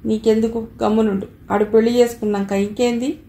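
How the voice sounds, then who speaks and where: A woman voicing a gruff middle-aged husband with a Telangana Telugu accent, curt and dismissive. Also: a little high, little pitch movement, brisk, dark tone, echoey room, a little hiss or hum.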